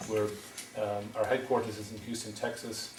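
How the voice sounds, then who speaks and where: At a town meeting, a wind energy developer from County Wexford, Ireland, stumbles through his talk with ums and restarts. He's a middle-aged man with a lowish voice, little pitch movement and a moderate pace. Heavy background noise fills the echoey hall, picked up from a distance.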